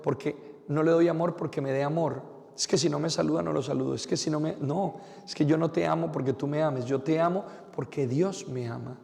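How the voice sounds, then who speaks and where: Gravelly-voiced priest preaching in a church. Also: male voice, fairly high pitch, fairly quick, in a large hall. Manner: lively preaching with acted-out quotes. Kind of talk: homily.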